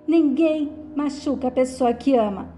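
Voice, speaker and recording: A defiant, gravely ill woman, voiced by a woman reading her lines. The voice sits high and mellow, and the delivery is quick and plain. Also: faint music behind.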